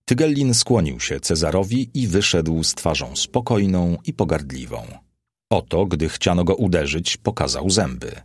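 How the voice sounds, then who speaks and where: A male narrator reads a historical novel in a measured, even manner. His voice is very deep with a husky, slightly rough edge. The recording is dry and close, with no room sound. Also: dry recording. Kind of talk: scripted audiobook narration.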